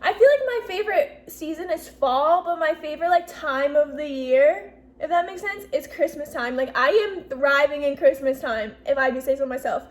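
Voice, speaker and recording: In a casual Q&A vlog, a Northeastern US YouTuber in her twenties talks with a high voice, lively intonation and a moderate pace. Bubbly and talkative, she peppers her sentences with "like" and "literally."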